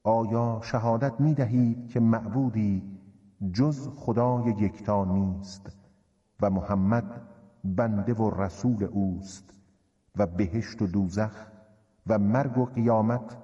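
Man reading a solemn prophet's speech, slow and grave, mellow low voice, muffled echo. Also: close to an everyday voice. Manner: slow, grave, measured oration. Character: solemn male prophet addressing a large gathering. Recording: dull, reverberant hall recording.

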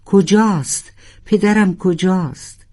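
A storyteller voicing a young narwhal who desperately shouts and pleads for its father. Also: mid-range voice, lightly acted. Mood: distraught. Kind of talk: storybook character voice.

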